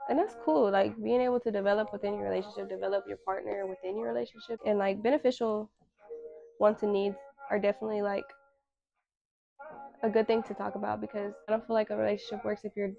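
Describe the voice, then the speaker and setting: Twenty-something woman just talking, candid n slangy, kinda raspy, dull recording. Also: medium pitch, fairly even intonation, quick pace, soft background music. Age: 20s. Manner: candid, slangy, emphatic repetition. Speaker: podcast host. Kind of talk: casual solo talk.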